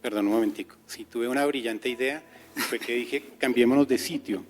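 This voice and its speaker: A man giving a testimony at a church service, telling his part of the story calmly and with self-deprecating humor. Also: mid-range voice, fairly quick. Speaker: pastor.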